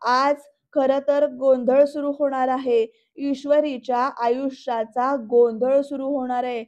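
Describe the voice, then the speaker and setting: A scheming middle-aged aunt from a TV serial, read aloud by a woman. She plots coldly and snaps orders. The voice is high and level, with slightly dull sound. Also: flat delivery, measured pace, dark tone. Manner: cold, plotting, snapping.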